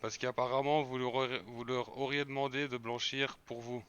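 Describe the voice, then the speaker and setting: A man in the middle of an in-character crime role-play, his voice smooth and clear at an ordinary middle pitch. He lays things out patiently and at length, circling back and restarting his phrases as he goes. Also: normal speed, dull audio. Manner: calm, explains at length with repeated restarts. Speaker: streamer playing a gang member.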